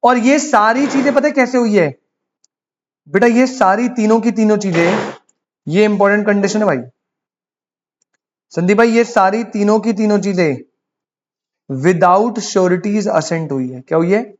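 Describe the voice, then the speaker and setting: A man's voice: sits high, unhurried, long pauses, lo-fi sound, a little hiss or hum. A man with an Indian accent teaching commerce law in a casual lecture, calling students "beta" and asking them rhetorical questions. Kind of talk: casual Hindi-English lecture.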